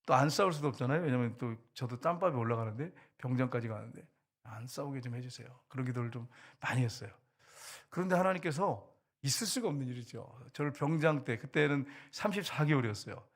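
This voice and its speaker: A man's voice: medium pitch, fast. An older man, a pastor, preaching and telling a story from his own life, acting out the voices of the people in it. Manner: animated storytelling, acting out quoted soldiers. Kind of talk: sermon testimony. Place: church.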